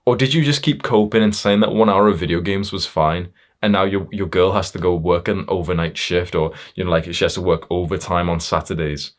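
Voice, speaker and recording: A man with a very low voice delivers a hard-edged motivational monologue. He talks straight at the listener, swearing freely and pushing harder as he goes, tripping over fillers and restarts along the way. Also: steady tone, a little fast. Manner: blunt, confrontational, heavy swearing; fillers and self-restarts, building intensity. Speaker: motivational speaker.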